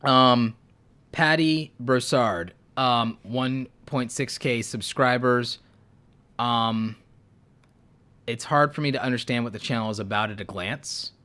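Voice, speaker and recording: A man's voice: mid-range voice, slow pace, bright, forceful tone. A man hosting a live stream, sick and losing his voice, giving frank advice while thinking aloud with lots of ums. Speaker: YouTube creator hosting live Q&A and channel reviews.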